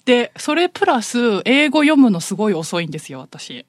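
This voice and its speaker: A woman in relaxed conversation, telling her stories with animation and frequent laughter. Her pitch moves in wide, expressive swings. The sound is dry and close, with no room around it. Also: moderate pace, no echo. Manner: animated storyteller who laughs often. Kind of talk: casual chat.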